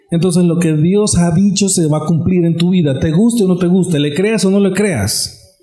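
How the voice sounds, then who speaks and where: A male pastor delivers an emphatic sermon, repeating his points and speaking straight to the congregation. His voice sits somewhat high yet very mellow and warm. The sound rings through a roomy church hall. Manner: emphatic, repetitive, addresses the congregation directly.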